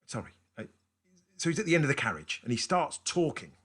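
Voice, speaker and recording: A man's voice: medium pitch, very animated, fairly quick, fairly bright tone, breathy edge. An actor playing a man with a London accent who tells his partner a story in a rambling, distracted way in a naturalistic stage drama. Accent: London English. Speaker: actor in a two-hander play.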